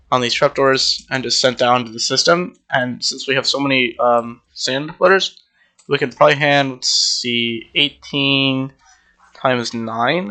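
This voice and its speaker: This is a relaxed, meandering gameplay tour from a young Minecraft server player, peppered with ums as he explains his build. Speaking into a desk microphone, he has a bright, mid-range voice with a slight stuffiness.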